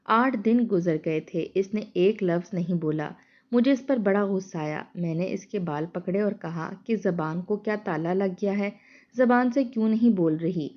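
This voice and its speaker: Woman narrating a dramatic story. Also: fairly low pitch. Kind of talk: first-person story narration. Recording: dull lo-fi sound.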